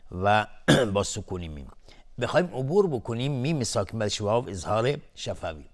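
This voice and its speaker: Man teaching Quran recitation rules. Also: lowish voice. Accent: Persian. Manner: alternates slow melodic chanting with brisk spoken explanation. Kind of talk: Quran tajweed lesson with chanted recitation.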